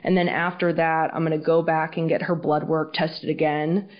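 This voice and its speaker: A woman hosts a casual solo podcast in a fairly low voice. The audio is dull and muffled, so she sounds underwater. She speaks frankly and informally, with plenty of swearing. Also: flat delivery, moderate pace. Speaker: podcast host.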